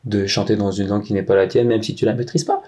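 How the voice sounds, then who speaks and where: A man, a punk songwriter, talking in a casual round-table chat, animated and emphatic, often restarting his sentences. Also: lowish voice, fast talker.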